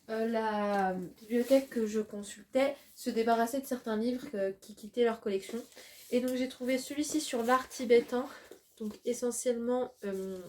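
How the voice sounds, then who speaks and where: Speaking to camera at home, a twenty-something vlogger and design student chats casually, gushing and filling her speech with fillers. Her voice is slightly high with a darkish tone, and there's a bit of hiss or hum.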